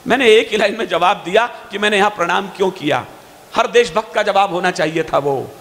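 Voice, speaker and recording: Fiery high-voiced man reciting poetry. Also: fairly bright tone. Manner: fiery, declaiming, stretches verse lines slowly. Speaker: poet on stage. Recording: long hall reverb.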